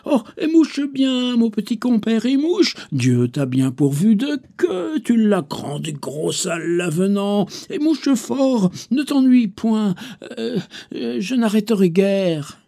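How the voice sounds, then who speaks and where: A man's voice: very animated, slow pace, creaky, heavily acted. A man voicing a fussy, pious male lion who keeps urging a fox in a coaxing, repetitive way. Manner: coaxing, repetitive, raised pitch with some shouted calls.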